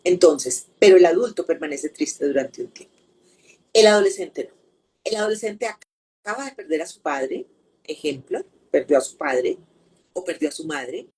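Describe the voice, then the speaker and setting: A woman's voice: low-pitched, lively intonation, moderate pace, darkish tone, slightly rough. A woman, a grief counselor answering interview questions in a patient, teacherly way, repeating points and giving everyday examples.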